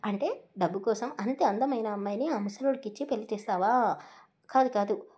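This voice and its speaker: A woman's voice: medium pitch, brisk, darkish tone, slight background noise, lightly acted. A woman voicing a commanding, furious young man who roars and threatens. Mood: angry commanding. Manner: stern, roaring, threatening.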